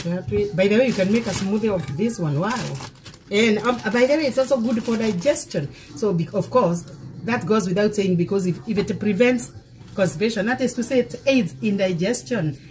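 In her home kitchen, a middle-aged pastor walks viewers through a casual cooking demonstration laced with preaching, encouraging them and repeating phrases for emphasis. Her medium-pitched voice is darkish, and the poor audio carries a bit of hiss or hum.

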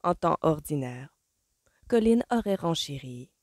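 Low-voiced woman narrating a novel. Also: expressive, darkish tone, no echo, studio quality. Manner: measured storytelling. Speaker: audiobook reader.

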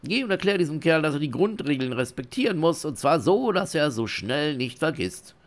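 A sly smuggler innkeeper who swears he is honest, his voice swinging high and low as he wheedles, as a man puts him on while reading a game's lines. The delivery is theatrical and full of feigned innocence. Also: big pitch swings, moderate pace. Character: shifty smooth-talking male smuggler innkeeper. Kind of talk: reading game dialogue aloud in character.

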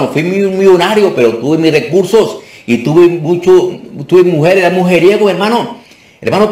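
A man's voice: high voice, recorded from a distance. A man leading a fervent deliverance prayer and sermon, repeating commands for the crowd to echo. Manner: fervent, repetitive call-and-response commands; breaks into song. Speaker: deliverance preacher. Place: church conference hall.

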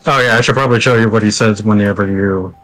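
A young man showing off the game he is developing, relaxed and explaining, laughing often. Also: on the low side, fast, faint music behind, rough recording. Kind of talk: casual gameplay walkthrough.

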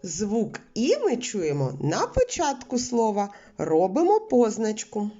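A woman teaching a literacy lesson to preschool children, explaining slowly and clearly in a sing-song way. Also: a little high, warm tone, muffled recording.

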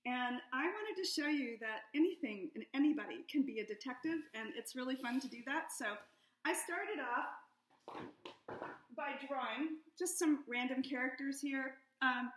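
A middle-aged children's book author leads kids through a drawing lesson step by step from her home. Her high, fairly bright voice is upbeat and encouraging, and the high-ceilinged room gives the recording an echo.

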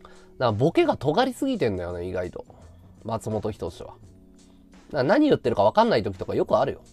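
A man's voice: medium pitch, huge pitch swings, fast talker, a little mellow, husky, faint music behind. A man hosting a casual livestream chat, talking freely and thanking viewers for gifts. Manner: chatty, reacts to viewer gifts. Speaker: livestream host.

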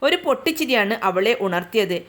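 A woman narrates old myths in scripted, literary sentences. She keeps a measured pace. Her voice sits fairly high. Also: animated, fairly bright tone. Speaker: storyteller. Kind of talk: scripted narration of mythic tales.

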